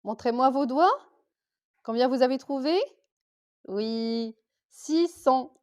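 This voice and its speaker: Primary school teacher, female, slightly high voice, patient and deliberate, breaks words into sounds. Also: darkish tone. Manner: slow, clear, sounding out letters and syllables for young children. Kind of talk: primary school reading lesson.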